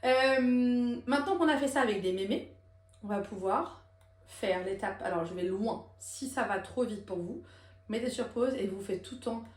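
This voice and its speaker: A woman teaching a singing lesson, explaining technique and demonstrating high belted lines. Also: moderate pace, roomy sound. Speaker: vocal coach.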